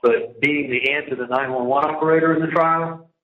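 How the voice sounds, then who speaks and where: A prison inmate on a phone call talks casually but with exasperation, going on at length and repeating himself. His voice sits on the high side, steady and fairly quick, coming through a telephone handset on a recorded line that sounds dull, echoey, and faintly noisy.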